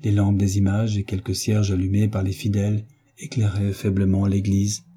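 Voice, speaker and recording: A man narrating a novel aloud in a measured, even reading. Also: lowish voice, husky. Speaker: audiobook narrator.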